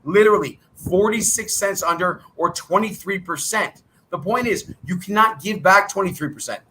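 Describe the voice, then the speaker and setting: Thinking aloud as he races through figures, a middle-aged trading coach hosts a live chat in a brisk sales patter. His voice is high, bright and edgy yet fraying, as though he's losing it, over poor audio with a little hiss or hum.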